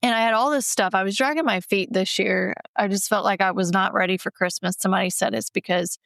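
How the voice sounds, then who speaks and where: Gravelly-voiced woman co-hosting a podcast. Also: medium pitch, fairly even intonation, fast talker, fairly bright tone, no room sound, clean studio sound. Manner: candid, emotional storytelling. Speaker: podcast co-host. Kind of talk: casual chat.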